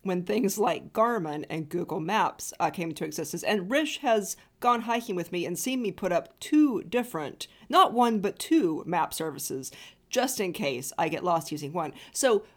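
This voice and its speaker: A woman's voice: on the low side, expressive, normal speed. A woman author in a casual podcast chat, teasing her guest and laughing often.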